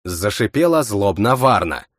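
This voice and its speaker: A man narrates a fantasy audiobook in the first person. His pitch swings widely as he tells it, and the recording is close and dry. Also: unhurried, dry recording. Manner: expressive, voices every character himself.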